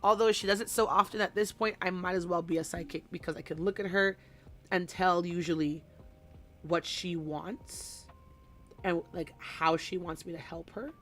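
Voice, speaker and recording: A woman's voice: fairly low pitch, fairly even intonation, moderate pace, a bit bright. A woman who works as a kindergarten teacher, chatting casually and rambling through classroom anecdotes during a hobby live stream from home.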